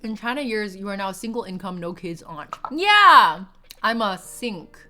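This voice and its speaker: Late-twenties woman streamer, rambling giggly chatter, bright edge, soft music underneath. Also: medium pitch, expressive, moderate pace. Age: 20s. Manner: rambling, giggly, swears casually. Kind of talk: casual chat with live chat.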